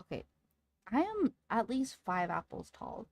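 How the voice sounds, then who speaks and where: A woman livestreamer chatting casually with her audience in a cute, playful, excitable anime-streamer manner. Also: on the high side, measured pace, dry recording. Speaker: livestreamer talking to chat.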